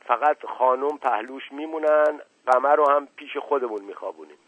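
A man voicing an authoritative elder uncle who gives measured commands, on a storybook radio reading. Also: medium pitch, breathy edge, dry recording, pitched above the performer's own voice, close to an everyday voice. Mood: commanding. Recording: tinny phone-like old radio broadcast.

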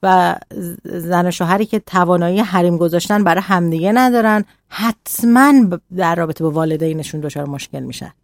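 Woman guest on a radio talk show, lowish voice, calm n measured, dry studio sound. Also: no echo.

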